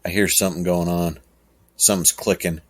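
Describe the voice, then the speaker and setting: A man's voice: sits low, fairly even intonation. A man hosting a podcast, talking casually in a rambling, chuckling way. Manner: rambling, chuckling, slow and drawn out. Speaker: podcast host. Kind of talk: casual monologue.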